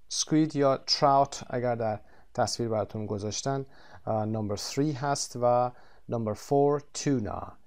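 A man teaching English vocabulary in a textbook lesson, drawing out the English words slowly and explaining quickly in between. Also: mid-range voice.

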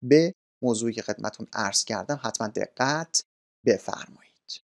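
A man's voice: fairly low pitch, expressive, vocal fry. A man teaching an English grammar lesson. He explains politely and repeats the key points. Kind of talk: grammar lesson explained in a relaxed spoken manner.

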